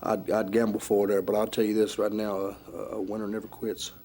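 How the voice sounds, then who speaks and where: Male wrestler guest, low, flat delivery, halting with lots of repeated words. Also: a little hiss or hum. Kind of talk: interview answers.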